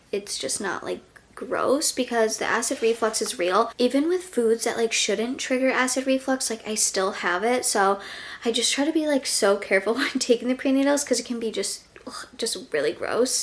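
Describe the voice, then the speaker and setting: Chatty young woman vlogger, fairly high. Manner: chatty, uses "like" a lot. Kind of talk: casual chat to camera. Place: bedroom at night.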